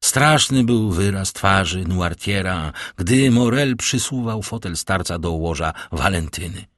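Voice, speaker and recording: A man narrating a classic novel as an audiobook in a measured, dramatic reading. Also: deep voice, expressive, a bit bright, no echo, clean studio sound.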